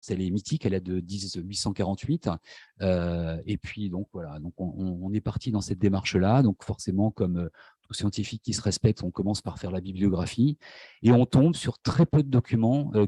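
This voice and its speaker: A man's voice: on the low side, mellow, husky, no room sound. A man with a French accent giving an academic conference talk, hesitant, with many fillers and restarts. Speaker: lecturer. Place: university lecture hall.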